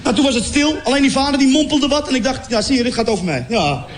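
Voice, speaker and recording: High-voiced male comedian in an echoey venue. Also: quick pace. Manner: animated, acts out scenes with sound effects. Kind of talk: stand-up comedy storytelling. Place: stage in a venue before a laughing audience. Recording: echoey venue with crowd noise. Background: audience laughter.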